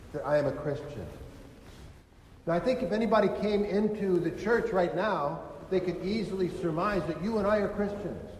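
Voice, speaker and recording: Californian deacon, fairly high voice, homily recorded in a reverberant church with faint ambience. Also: male voice, a little mellow, a little hiss or hum. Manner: conversational, asks rhetorical questions. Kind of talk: Sunday homily. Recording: echoey church with long reverb.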